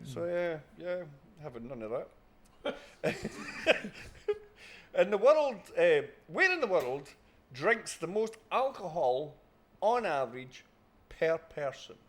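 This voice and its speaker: A Scottish man with a slightly high voice runs a quiz round on a podcast. He reads questions out between bursts of laughter and cheerful swearing. His voice swings up and down a lot as he talks. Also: very animated, takes it slowly, pauses often. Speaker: quiz host. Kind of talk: casual podcast banter.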